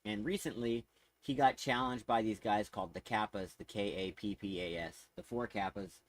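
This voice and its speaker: A man chats casually on a livestream, rambling and easily getting sidetracked, with frequent laughs. His voice is on the low side, with fairly even intonation and moderate pace, and the recording quality is low.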